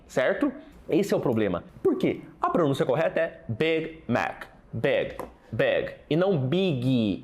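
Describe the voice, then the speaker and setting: A Brazilian man with a Brazilian Portuguese accent, an English teacher giving pronunciation tips in an animated, coaching way on a podcast. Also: high voice.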